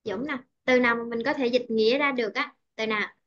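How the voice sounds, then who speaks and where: A Vietnamese woman with a high, bright-pitched voice tutors English pronunciation one-on-one, patiently repeating and checking that her student follows. The sound is dull and lo-fi, like a call. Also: fast. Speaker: English teacher.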